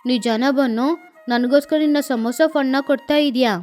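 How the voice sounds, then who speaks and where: A woman voicing a sad, gentle young boy crow in a cartoon, speaking in an earnest, plaintive way. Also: high voice, normal speed, soft background music, lightly acted. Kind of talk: cartoon voice acting.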